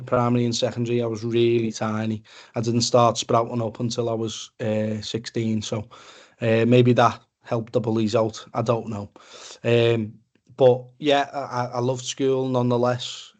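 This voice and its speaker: A young man from the Liverpool area of England, with a Scouse accent and a mid-range, slightly mellow voice, gives an informal personal testimony as a speaker for a men's mental health support group. He talks plainly and conversationally over an online webinar video call.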